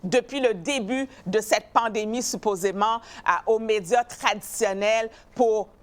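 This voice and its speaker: A woman's voice: a little high, a little slow. Emphatic woman hosting news commentary. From not from Canada. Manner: animated, emphatic, stumbles and repeats words. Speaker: show host.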